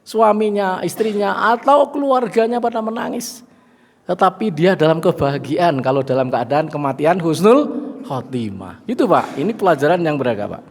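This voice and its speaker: A middle-aged man with a Javanese accent preaching a lively sermon to a gathering, chatting with and joking with the audience. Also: high-pitched, normal speed, vocal fry. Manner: lively, mixes in Javanese phrases and jokes with the audience. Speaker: Islamic preacher. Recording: long hall reverb.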